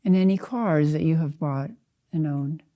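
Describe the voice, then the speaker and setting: Her voice is low, dark and very soft at the edges as this older Zen teacher guides listeners through meditation. Unhurried and measured, she offers short phrases one at a time in a calm manner.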